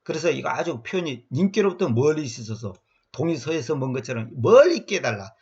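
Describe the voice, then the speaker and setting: A man giving an expository Bible lecture in an emphatic way, repeating words and acting out quotes with sudden jumps in pitch. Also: big pitch swings, fairly quick, a little mellow, slightly rough, muffled recording. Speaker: Bible teacher.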